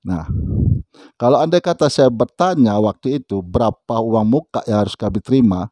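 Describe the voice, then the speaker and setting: A man's voice: medium pitch, animated, moderate pace, mellow, dry recording. A man casually telling a personal story, speaking conversationally and often turning to the listener with little asides. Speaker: storyteller recounting a personal experience.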